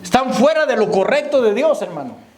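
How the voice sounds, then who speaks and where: This preacher's voice is extremely high and sing-song, fairly quick and a little mellow. Speaking to his congregation in church, he repeatedly calls out "hermano" and asks "¿me entiende?" The hall echoes around him.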